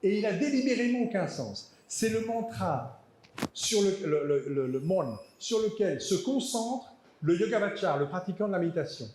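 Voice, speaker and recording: A man's voice: high voice, very animated, moderate pace, darkish tone, slight background noise. A man giving an academic lecture, hesitant and repeating words, with dry asides. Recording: echoey hall.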